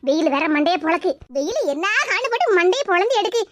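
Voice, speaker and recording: A woman's voice: extremely high pitch, sing-song, quick pace. A woman voicing a blunt, brash middle-aged neighbor woman in a cartoon. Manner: brash, comforting, mocking. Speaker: neighbor character. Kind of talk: cartoon voice acting. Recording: noisy cartoon voice track.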